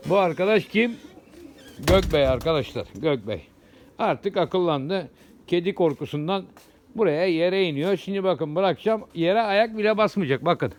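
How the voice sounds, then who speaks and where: A man's voice: sits high, animated, moderate pace, background noise. Chatty man at his pigeon loft. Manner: chatty, repeats words, calls viewers "friends". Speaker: pigeon keeper vlogger. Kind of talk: casual outdoor vlog talking to viewers. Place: outdoors at a pigeon loft, birds cooing.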